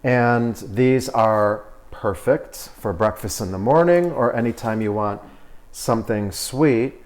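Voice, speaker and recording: A man co-hosting a home cooking video, walking through baking steps in a relaxed, instructive way. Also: mid-range voice, takes it slowly. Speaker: cooking show co-host. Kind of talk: cooking demonstration.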